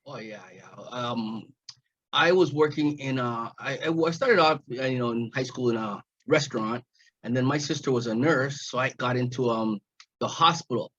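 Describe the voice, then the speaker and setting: A Jamaican-born man in his fifties who grew up in Montreal rambles through stories as a comedy guest in a relaxed interview, laughing a lot and restarting sentences. His voice is medium-pitched, slightly bright, and at a normal pace. The audio is dull and lo-fi.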